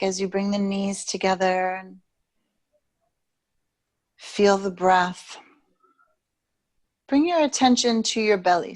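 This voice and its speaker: With a medium-pitched voice, a woman yoga teacher guides yoga nidra, speaking soothingly and slowly and pausing at length between phrases.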